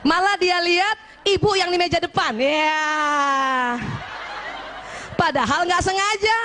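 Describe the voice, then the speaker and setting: A woman preacher from Indonesia with a high voice, talking to a gathering of women. She teases and jokes, and keeps asking her listeners questions to draw them in. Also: slow pace, background noise. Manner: lively and teasing, often asks the audience questions. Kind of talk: religious talk to a women's gathering.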